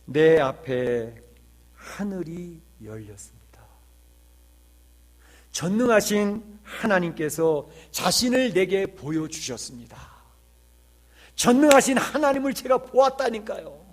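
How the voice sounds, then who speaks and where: A man voicing a tearful older male composer who speaks slowly and with trembling emotion. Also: high voice, expressive, pitched above the performer's own voice. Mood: awestruck. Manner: slow, trembling, emotional testimony.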